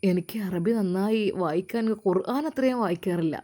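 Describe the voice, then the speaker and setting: A woman's voice: mid-range voice, normal speed, mellow, natural voice. A woman doing a hesitant, remorseful grown man. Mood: subdued.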